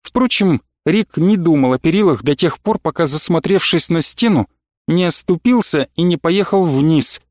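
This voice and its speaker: A man reading an audiobook in a steady, scripted storytelling delivery. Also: a little high, normal speed, no room sound, studio quality. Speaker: audiobook narrator. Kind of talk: scripted narration.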